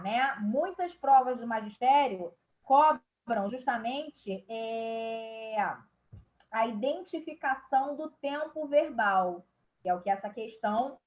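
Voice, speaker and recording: A woman's voice: fairly high pitch, dull audio. A woman teacher with a Brazilian Portuguese accent, explaining a grammar lesson step by step and checking in with her class.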